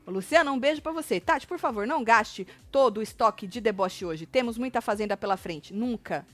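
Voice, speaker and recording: A woman's voice: on the high side, expressive, fairly quick, fairly bright tone, soft background music. A woman with a Brazilian Portuguese accent, hosting a casual live gossip commentary and animatedly acting out what others said.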